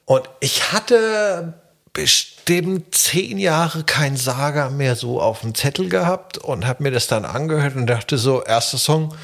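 A man's voice: a little high, slow, creaky. A man from Germany, a guest musician telling stories in a casual interview. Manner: animated storytelling.

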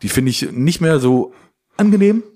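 A man co-hosting a podcast, telling a story in a rambling, halting way. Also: on the high side, expressive, warm tone. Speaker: podcast co-host. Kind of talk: casual banter.

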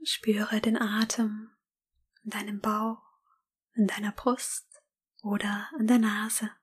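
A woman whispering a slow, calm guided meditation. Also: medium pitch, breathy edge.

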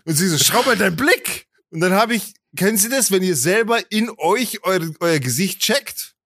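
A man's voice: high voice, normal speed, no room sound, studio quality. A man telling a story on a casual podcast, acting out the people in it with big jumps in his voice. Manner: animated, acts out quotes with big voice jumps. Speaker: podcast host.

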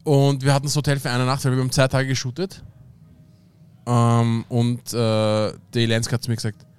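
A man's voice: medium pitch, monotone, moderate pace, smooth. A young man with an Austrian German accent, rambling through an anecdote in casual slang with lots of fillers. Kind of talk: casual chat.

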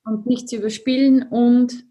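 Hesitant woman host, slightly high. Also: level tone, moderate pace, mellow. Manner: hesitant, many fillers. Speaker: podcast host. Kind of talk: interviewing a guest.

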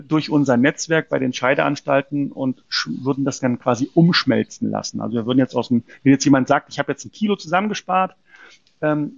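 A man's voice: on the high side, gravelly, no room sound, muffled recording. A man from a precious metals company answering interview questions in an explanatory way, often hesitating with fillers and restarts.

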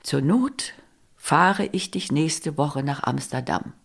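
A woman voicing a troubled married man who speaks in hushed, halting lines. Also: low-pitched, lively intonation, gravelly, slightly rough, heavily acted.

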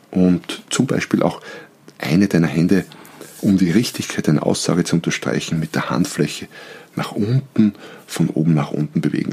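A man hosting an instructional podcast, explaining persuasion and switching between higher, faster talk and lower, slower talk to demonstrate. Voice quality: very deep, gravelly voice. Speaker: podcast host and business coach.

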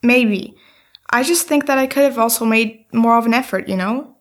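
Actress playing anxious young woman, somewhat high voice, heartbroken, self-doubting, apologetic, audio drama dialogue. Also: moderate pace, natural voice. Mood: self-deprecating.

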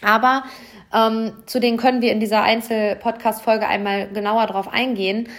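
A woman with a slightly higher voice hosts a solo motivational podcast. She speaks earnestly and encouragingly, addressing the listener directly. Her manner is lively and bubbly. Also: moderate pace. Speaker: podcast host.

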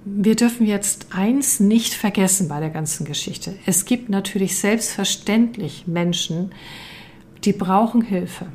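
A woman giving a calm, earnest coaching talk, addressing listeners directly with a few hesitation sounds. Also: mid-range voice, unhurried, slight background noise. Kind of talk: explanatory talk to camera.

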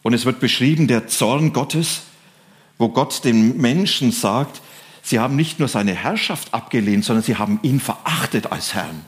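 A man's voice: medium pitch, lively intonation. Earnest male preacher giving a sermon. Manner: earnest, stresses key phrases by rising and slowing; reads scripture passages aloud.

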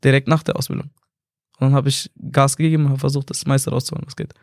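A young man in his twenties from Germany, telling lively anecdotes in casual conversation, acting out quotes and laughing often. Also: medium pitch, quick pace, no room sound, studio quality. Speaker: content creator and singer, guest.

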